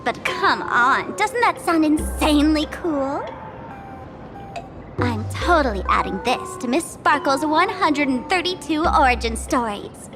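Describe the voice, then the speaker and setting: A woman's voice: sits high, animated, a little slow. A woman voicing a cheeky young female game adventurer, playful and musing in manner. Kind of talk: video game voice acting. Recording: music under the voice. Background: music.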